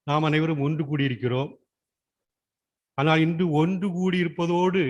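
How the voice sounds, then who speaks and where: A man with a fairly high voice addresses a school gathering on yoga day. He talks in a steady explanatory way, often asking a question and then answering it himself. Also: highs cut off. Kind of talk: explanatory public speech. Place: school function.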